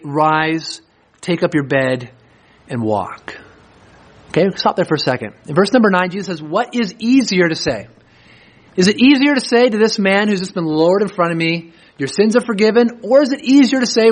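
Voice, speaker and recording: In his sermon, a pastor whose voice sits high reads scripture slowly, then explains the passage in plain, conversational terms.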